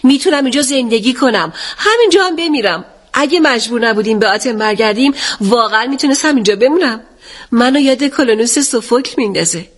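A woman's voice: on the high side, animated. A woman reading an audiobook, voicing an effusive, gushing middle-aged English lady traveler. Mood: rapturous. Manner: gushing, rapturous.

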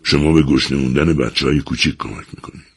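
A man voicing a calm, reasoning preacher figure in an audiobook reading. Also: extremely low pitch, creaky, breathy edge, heavily acted. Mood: pleading.

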